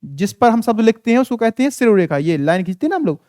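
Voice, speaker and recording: A man's voice: high voice, very animated, quick pace, darkish tone, no echo, studio quality. A man teaching a classroom-style grammar lesson at a board. He patiently spells out sounds syllable by syllable, quizzes his students and repeats key words to drill them in.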